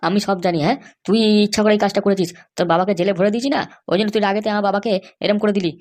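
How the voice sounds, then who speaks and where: A woman voicing a hot-tempered young husband in a cartoon, threatening and shouting insults. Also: mid-range voice, steady tone, racing, lightly acted. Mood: angry. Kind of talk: cartoon voice acting.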